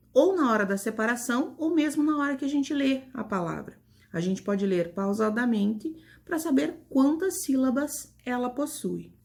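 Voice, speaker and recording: A woman with a Brazilian Portuguese accent speaks to young pupils in an online lesson, taking her time over every word. Her voice carries a gravelly, creaky edge, and her manner is patient and affectionate. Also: medium pitch. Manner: slow, patient, affectionate teacher talk. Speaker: primary school teacher. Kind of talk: online grammar lesson for children.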